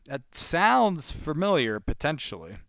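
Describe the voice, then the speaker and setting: A man with a slightly high, creaky, somewhat bright voice and big pitch swings speaks at a measured pace, with no echo. He's a real estate cold caller hosting a live calling session, rambling informally to viewers in casual chat between sales calls.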